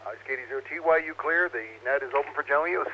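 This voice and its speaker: A man's voice: on the high side, rapid-fire, background noise. A man casually hosting an amateur radio net as its controller, heard over radio. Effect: two-way radio. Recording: dull, lo-fi radio audio.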